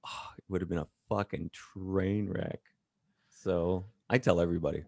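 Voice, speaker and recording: A man talking as an interview guest, blunt and profane, telling animated stories in a casual chat. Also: low-pitched, normal speed, vocal fry, dry recording.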